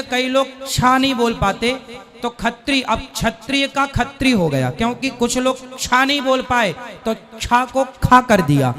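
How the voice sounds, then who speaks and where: A man, a spiritual teacher, calmly and patiently explaining answers to a questioner. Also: extremely high pitch.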